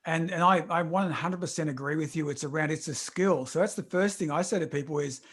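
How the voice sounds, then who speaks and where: Rapid male interviewer, lightly high pitch, restarts often. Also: fairly bright tone, husky. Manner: fast, restarts words often. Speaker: podcast host. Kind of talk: casual interview chat.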